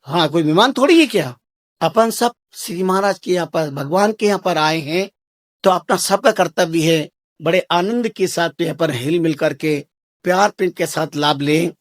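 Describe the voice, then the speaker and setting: A man's voice: fairly high pitch, moderate pace, dry recording, clean studio sound. A man giving a devotional sermon to a large gathering, exhorting and repeating himself, rising to emphatic bursts. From Rajasthan, India. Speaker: spiritual teacher.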